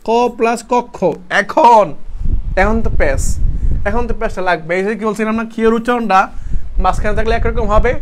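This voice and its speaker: A young man with a Chittagong accent teaches an exam-prep class in a high voice. He explains each point step by step, asks questions and answers them himself. He calls his students brother, friendly and patient. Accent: Chittagong Bangla. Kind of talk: online exam-prep lesson.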